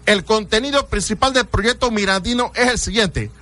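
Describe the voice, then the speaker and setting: A man's voice: sits high, normal speed, pushed and bright. A man hosting a radio call-in show, talking emphatically and theatrically and urging listeners to pay attention. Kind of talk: radio call-in talk on history.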